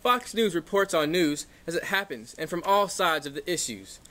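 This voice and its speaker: A blustering Texan pundit, played by a man, with a high male voice. He rambles pompously in a folksy way, as a guest in a comic news parody. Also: expressive, normal speed, pushed and bright. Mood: pompously courteous. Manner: folksy, long-winded, blustering. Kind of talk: scripted news satire sketch.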